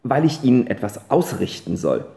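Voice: medium pitch, big pitch swings, normal speed, gravelly, mellow. A reader voicing an anxious small-town hairdresser mother who talks in fretful, breathless exclamations. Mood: worried. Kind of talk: audiobook character reading. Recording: roomy echo.

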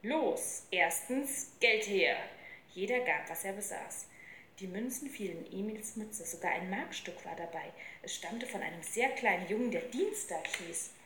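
A woman reading a children's book aloud in a lively storytelling manner. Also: medium pitch, a little hiss or hum. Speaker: reader. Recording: roomy with faint ambience.

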